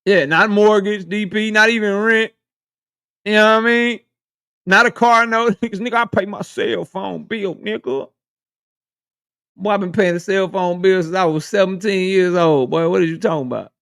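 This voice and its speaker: A man's voice: high-pitched, normal speed, vocal fry, fairly bright tone, clear, resonant tone, dry recording, studio quality. A man in his thirties hosting a casual live stream, joking and roasting his viewers, laughing often. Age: 30s.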